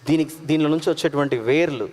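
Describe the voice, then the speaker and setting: Fervent preacher in a reverberant hall. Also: male voice, on the high side, quick pace. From India. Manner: emphatic, swinging between loud proclamation and quiet asides; mixes English words into his talk. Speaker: pastor. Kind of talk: sermon with live slide directions.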